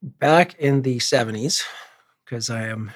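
A man in his fifties, a retired police inspector, telling stories in a relaxed, wry, self-deprecating way in a casual interview. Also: medium pitch, a little slow, dry recording, clean studio sound. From Edmonton, Canada. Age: 50s.

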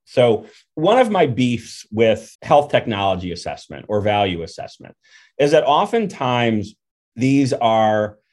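A man hosting an interview, explaining his points in a measured, thoughtful way. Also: medium pitch, a little mellow. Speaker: podcast host. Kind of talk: conversational interview.

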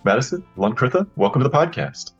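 A man's voice: mid-range voice, big pitch swings, fast, highs cut off, soft background music. A man hosting a podcast interview, friendly and prone to repeating words as he starts his questions. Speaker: podcast host.

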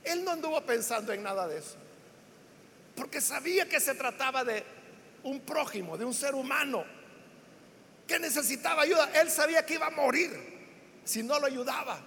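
High-pitched preacher man, emphatic, echoing hall. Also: lively intonation, moderate pace, long pauses, slight background noise. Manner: emphatic, rising into shouts on key words; builds lists with repeated phrases. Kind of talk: sermon. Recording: long hall reverb.

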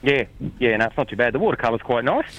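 Quick-talking Queensland man, noisy line. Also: medium pitch, very animated, fairly bright tone, dull audio. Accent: Australian, Queensland. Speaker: phone-in guest, fishing gear representative. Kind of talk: casual chat.

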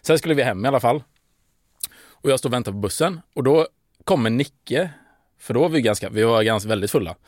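A man's voice: mid-range voice, lively intonation, pauses often, dry recording. A man tells a long anecdote in a casual podcast chat, with many fillers, restarts and bursts of laughter. His voice sounds dry and close. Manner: rambling, hesitant, with fillers and laughing. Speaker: podcast guest. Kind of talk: casual storytelling.

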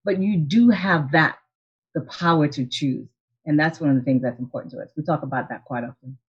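A woman's voice: deep voice, brisk, breathy edge, lo-fi sound. A woman in her forties from Haiti, an optometrist, telling her story in an earnest, reflective way over a video call. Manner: earnest, reflective, with frequent restarts and soft laughs. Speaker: optometrist and practice owner, guest. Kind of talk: casual interview storytelling.

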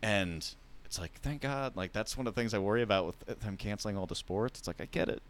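A man's voice: on the low side, a little fast. A man chatting casually as a podcast co-host, rambling with lots of fillers. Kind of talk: casual chat.

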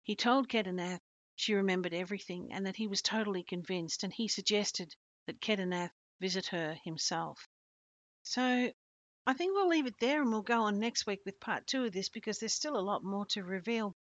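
A woman podcast host narrating a story in a steady, earnest reading voice. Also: mid-range voice, normal speed, dry recording. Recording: dull lo-fi dry recording.

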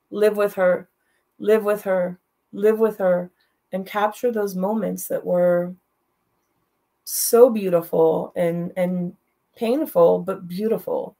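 Appearing as a guest, a middle-aged woman with a mid-range, darkish voice tells an emotional personal story. She speaks directly and from the heart, repeating her phrases.

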